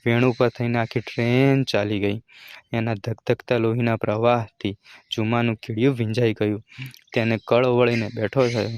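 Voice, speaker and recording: A man narrating a story aloud at a measured, steady pace. His voice sits at an ordinary middle pitch for a man, even and clear in its telling. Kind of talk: reading a folk story aloud.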